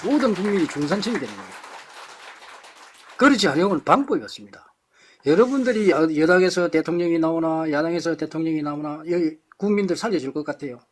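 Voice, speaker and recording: A man lectures a live audience with fiery conviction, his voice pitched high and swinging widely as he hammers home rhetorical questions. He speaks bluntly and throws in harsh insults. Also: animated, quick pace, husky.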